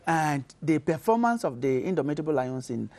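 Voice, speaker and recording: A man's voice: fairly high pitch, sing-song, fairly quick, darkish tone. A man from Cameroon hosting a studio panel discussion, leading the questions and affirming his guests. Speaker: host.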